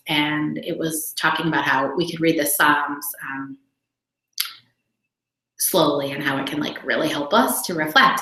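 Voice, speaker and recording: A woman's voice: low-pitched, sharp tone. A woman in her thirties, talking candidly and casually about her faith, with lots of fillers and self-deprecating asides. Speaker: faith video host. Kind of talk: casual personal reflection. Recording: roomy echo.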